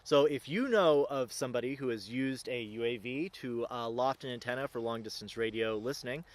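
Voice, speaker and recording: A man with a medium-pitched voice and a brisk pace hosts a casual outdoor vlog on location. He comments as he runs a hands-on drone antenna experiment.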